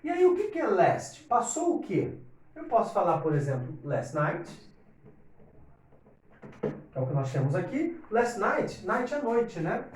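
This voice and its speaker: A man's voice: high-pitched, wildly swooping pitch, unhurried, pauses often, slight background noise. A man teaching an English lesson to Portuguese speakers, explaining step by step and often checking in with his students. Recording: echoey room, distant from mic.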